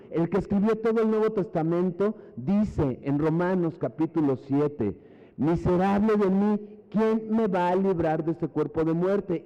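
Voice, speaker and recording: A man delivers a sermon with emphatic, repeated phrases and questions to his listeners. His voice sits a bit high but sounds mellow. The recording is muffled, with a long reverb from a church hall. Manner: emphatic, repetitive, asks the congregation questions. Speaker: preacher.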